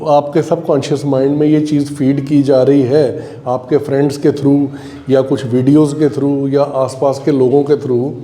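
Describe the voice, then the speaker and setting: A man's voice: fairly high pitch, warm tone. A man teaching a school class, explaining patiently and asking the students questions, with an Indian English accent. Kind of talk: classroom lecture. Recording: echoey classroom.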